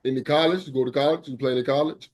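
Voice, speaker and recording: A man's voice: medium pitch, steady tone, racing, a little mellow. A man hosting a podcast interview in a laid-back, slangy way, often answering with "okay, okay". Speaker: podcast host. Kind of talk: casual interview.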